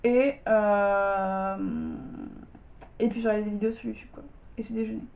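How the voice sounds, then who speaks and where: A woman's voice: mid-range voice, fairly even intonation, measured pace, creaky, a little mellow. A young woman vlogging casually from her bedroom, tired and just out of bed, chatty and full of slang and fillers. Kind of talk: casual chat.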